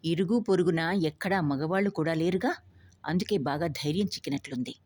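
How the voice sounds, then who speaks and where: A woman storyteller narrating a novel aloud in a steady, even manner with a husky voice. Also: lowish voice, brisk.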